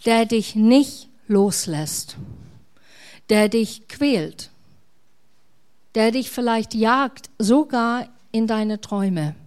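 A middle-aged woman pastor, preaching a sermon in a warm, conversational way. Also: fairly high pitch, drawn-out words, pauses often, smooth.

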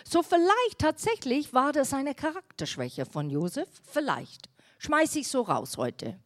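A woman's voice: sits high, sing-song, a little slow. A woman pastor giving a sermon, speaking emphatically and putting questions straight to the congregation. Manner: addresses the congregation directly with questions.

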